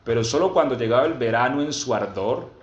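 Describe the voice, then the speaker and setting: In an expressive voice, a pastor preaches to his congregation, reading scripture deliberately and with emphasis. He sprinkles the teaching with questions for them, recorded in roomy, dull low-fi sound at church.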